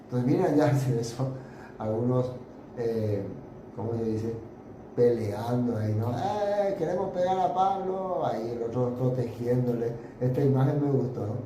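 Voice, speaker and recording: A man's voice: medium pitch, normal speed. Man teaching Bible study in echoey room. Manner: conversational, hesitant fillers, points at pictures while explaining. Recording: roomy echo with steady background noise.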